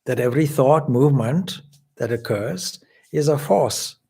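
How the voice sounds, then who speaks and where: A man from Zimbabwe delivers a spiritual lecture as a swami, explaining points in a measured way. His voice is gravelly with a husky edge. He sits at a middle pitch. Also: lively intonation, a little mellow. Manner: measured, explanatory, with occasional restarts. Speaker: swami giving a spiritual talk.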